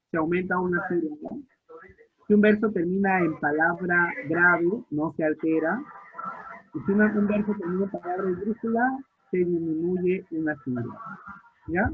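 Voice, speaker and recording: A male literature teacher, lecturing an online class, questioning students and repeating key points. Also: high voice. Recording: tinny phone-like audio line.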